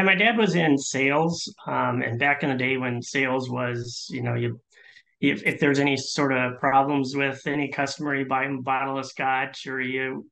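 A middle-aged man from Minnesota, a leadership coach, talks as a podcast guest over a video call from his home office. His voice is gravelly, and his pitch sits in the middle. He speaks in a relaxed, reflective way, with frequent fillers. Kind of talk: casual interview.

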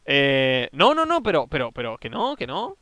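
Bright, lively man explaining gameplay. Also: mid-range voice, moderate pace, no echo. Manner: bossy, explains at length, teasing. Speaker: gaming YouTuber. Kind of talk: casual gameplay chat.

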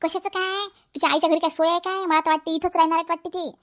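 A woman's voice: very high-pitched, fairly even intonation, very fast. A woman voicing a bossy village mother. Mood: insistent. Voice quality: nagging, rustic, scolding tone. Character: scolding middle-aged village mother, bossy and blunt. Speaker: cartoon voice actor. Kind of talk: cartoon family drama acting.

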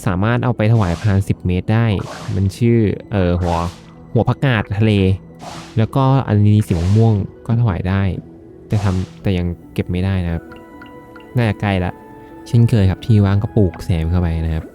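A man's voice: on the low side, moderate pace, mellow, soft background music. A man giving chatty, jokey let's-play commentary with polite sentence endings as he plays a farming game. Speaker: gaming video host.

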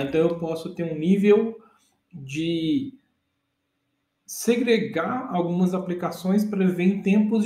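With a Brazilian Portuguese accent, a man in his thirties gives a casual, step-by-step data engineering lesson, regularly checking that his listeners follow. His voice is on the high side with a dark tone, and the room is echoey.

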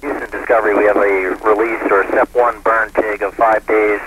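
A man's voice: on the low side, level tone, normal speed. A man speaking as an astronaut over space-to-ground radio in terse procedural callouts. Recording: noisy spacecraft radio link.

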